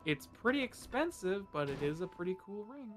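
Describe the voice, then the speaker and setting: A man's voice: high-pitched, sing-song, a little fast, fairly bright tone, soft background music. A man giving casual game commentary, wryly teasing his friend while explaining the game's mechanics. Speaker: co-host guiding the player.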